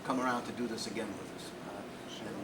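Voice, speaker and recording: A man hosting a library event, briskly wrapping it up with closing remarks. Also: fairly low pitch, fairly even intonation. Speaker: event host. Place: library meeting room. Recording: distant with loud background noise.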